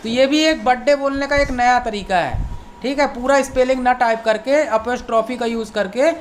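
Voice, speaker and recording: A woman teaching an online language lesson, explaining slowly, repeating each point and reading example sentences word by word. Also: a little high, slight background noise. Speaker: English teacher.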